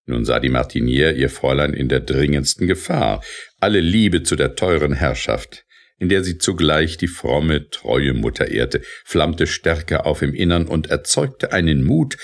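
A man giving dramatic, expressive audiobook narration. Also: a bass voice, gravelly.

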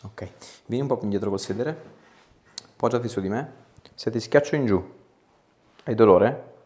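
A chiropractor speaks to a patient in a small treatment room, keeping his clinical guidance calm and hands-on with terse instructions and questions. His voice sits on the low side, a little mellow, at normal speed.

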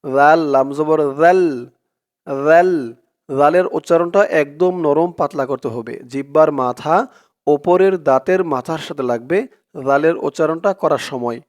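Smooth-voiced Bengali Quran teacher spelling syllables. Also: male voice, fairly high pitch, darkish tone. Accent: Bangladeshi Bengali. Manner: spells out letters and vowel marks, then chants the verse slowly and drawn out. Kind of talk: slow syllable-by-syllable tajweed lesson with chanted recitation.

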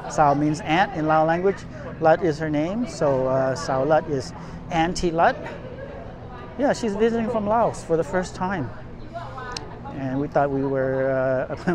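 A vlogger narrates a casual walking tour through city streets, rambling with lots of fillers and restarts as he walks and films. His voice is on the high side, and he stays off screen behind the handheld camera while crowd chatter and passing traffic fill the outdoor background.

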